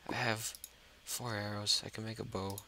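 A man's voice: fairly low pitch, little pitch movement, moderate pace, heavy background noise. A man doing gameplay commentary, talking to himself and the monsters and dropping to a whisper when scared. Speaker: let's play host. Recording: loud mouse clicking over the voice.

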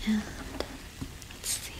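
Gentle and halting, this ASMR roleplay features a young adult woman as a cottage witch shopkeeper. She keeps to a soft, breathy whisper near the mic, and the recording is rough.

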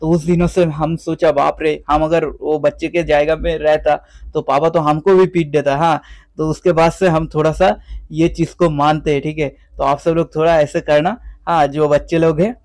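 A man's voice: a little high, flat delivery, normal speed, a little mellow, no room sound. Chatty man showing off his fish. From West Bengal, India. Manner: chatty, repeats "theek hai" often; mixes English words into Hindi. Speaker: guppy breeder and seller. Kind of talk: casual vlog walkthrough.

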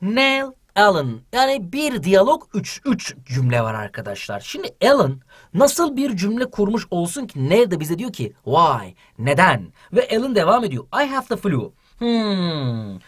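A man teaching English to children in an online lesson, reading English lines and translating each into Turkish with lively energy. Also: sits high, unhurried, slightly rough.

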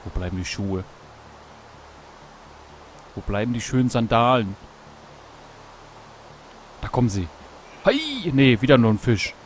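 A man casually commenting on his gameplay while fishing, talking to himself, greeting animals in the game, and yelping excitedly at each catch. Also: fairly low pitch, measured pace, long pauses, slight background noise. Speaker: Let's Play host. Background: background game music.

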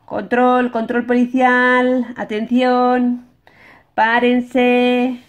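A woman's voice: medium pitch, animated, measured pace, close to an everyday voice. A woman with a Spain accent voicing a friendly, bossy toy policeman for children, chatty and sing-song. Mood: commanding. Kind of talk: toy play-acting for children.

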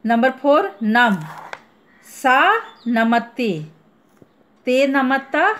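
A woman's voice: high-pitched, drawn-out words. A woman school teacher giving an online grammar lesson, explaining each answer step by step and asking the pupils questions.

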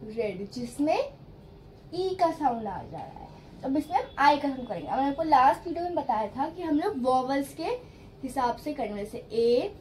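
A woman's voice: high voice, expressive, normal speed, darkish tone, a little hiss or hum, rough recording. A woman teaching basic English, patiently spelling words letter by letter and mixing in Hindi. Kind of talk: spoken English lesson.

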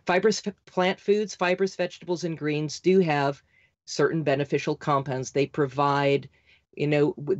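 Rapid-fire, insistent woman guest. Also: sits low, no room sound, lo-fi sound. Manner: insistent, rapid, talks like an auctioneer. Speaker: podcast guest. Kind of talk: fast, emphatic interview talk.

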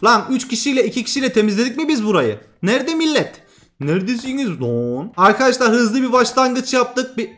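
A young man hosting a mobile shooter channel, giving excitable, trash-talking live commentary that swings between loud outbursts and muttering. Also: extremely high pitch, brisk, hardly any pauses. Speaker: gaming channel host.

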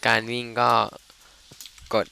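A man's voice: slow, bright, forceful tone, a little hiss or hum. A man casually commenting on his game playthrough, joking and swearing as he goes. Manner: crude, joking, rambling. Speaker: gamer. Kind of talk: casual let's play commentary.

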